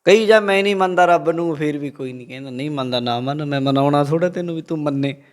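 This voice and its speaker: A man's voice: fairly high pitch, fast talker. A man with a Punjabi accent giving a religious talk, preaching and telling a story to a congregation. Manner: lively, quotes the Guru and tells a story to the congregation. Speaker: Sikh preacher.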